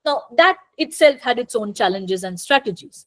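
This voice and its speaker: A woman with a Bengali accent giving an academic talk, switching between Bengali and English, pausing often to think and restart. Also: on the high side, animated, a bit bright. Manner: thoughtful, often pauses with fillers and restarts. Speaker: guest lecturer on translation.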